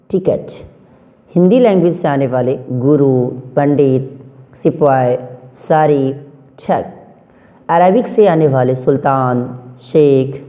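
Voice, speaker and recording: A man's voice: mid-range voice, warm tone. A man teaching a video lesson, listing words one at a time and asking and answering his own questions. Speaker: English teacher. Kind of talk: classroom-style video lesson.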